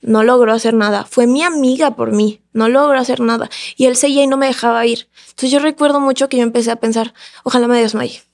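A woman with a fairly high voice tells a story as a podcast guest. She talks in a casual, animated way and acts out what the other people in her story said. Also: fast, vocal fry.

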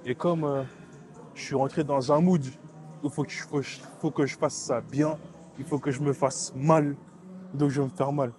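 A young man filming a workout vlog in a gym, talking to the camera in quick, clipped bursts and stumbling over repeated words as he stutters. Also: fairly high pitch, fairly even intonation, darkish tone. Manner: counts reps aloud while lifting, strained and breathy. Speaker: fitness vlogger. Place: gym, indoors.

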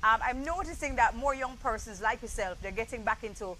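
A woman's voice: on the high side, a little fast, fairly bright tone, faint music behind, poor audio. A middle-aged Jamaican woman hosting an outdoor panel interview, chatty and enthusiastic, on a lapel mic. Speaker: panel host. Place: outdoor garden set.

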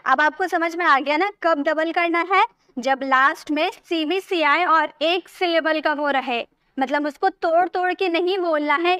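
A woman teaching an English grammar lesson, patiently repeating words slowly and breaking them into syllables. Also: very high voice, a bit bright, no echo, clean studio sound.

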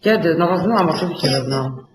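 A man's voice: fairly high pitch, lively intonation, a little fast, reverberant, a little hiss or hum, rough recording. A man, a student in a class, giving short and tentative answers.

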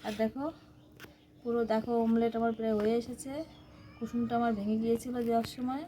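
A hoarse woman vlogging on a hot rooftop, chatting casually with her viewers as friends, recorded on a phone. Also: fairly high pitch, little pitch movement, quick pace, mellow. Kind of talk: casual vlog narration. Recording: phone audio with clear outdoor noise.

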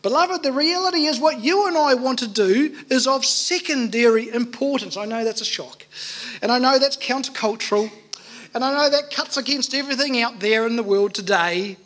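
A man's voice: very high voice, moderate pace, a bit bright. A man preaching a sermon at a pulpit microphone in a church, earnest and emphatic, asking rhetorical questions. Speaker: pastor.

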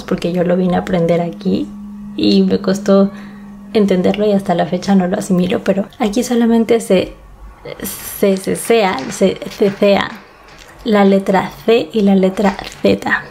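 A woman's voice: medium pitch, level tone, moderate pace, creaky, warm tone, a little hiss or hum. A woman in her thirties with a Mexico City Spanish accent, talking candidly to her listeners as a podcast host. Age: 30s. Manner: candid, conversational, talks to listener directly. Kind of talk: casual monologue podcast.

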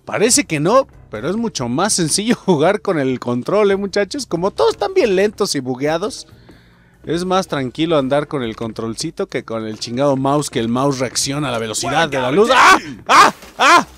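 A young man with a Mexican Spanish accent, commenting on his own gameplay with excitable, profane jokes aimed at his viewers. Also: fairly high pitch, normal speed, soft background music. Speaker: gaming channel host.

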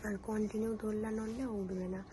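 A woman's voice: medium pitch, level tone, fast talker. A young woman, chatting casually to viewers in a home vlog. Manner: chatty, addresses viewers as friends. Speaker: vlogger. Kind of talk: casual daily vlog talk. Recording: noisy home recording.

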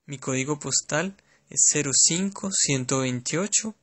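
A man with a Colombian Spanish accent giving a clear, steady scripted self-introduction for a language lesson. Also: on the high side, measured pace.

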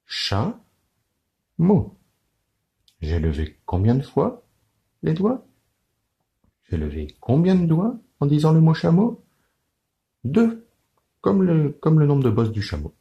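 A man giving a children's lesson on counting syllables, speaking slowly and clearly in a sing-song teacher's manner. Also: fairly high pitch, huge pitch swings, dull audio.

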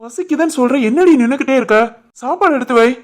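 A woman voicing a young husband and son in an animated family drama, scolding and stern, with a Tirunelveli Tamil accent. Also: high-pitched, quick pace, lightly acted. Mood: angry. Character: young husband and son, short-tempered man.

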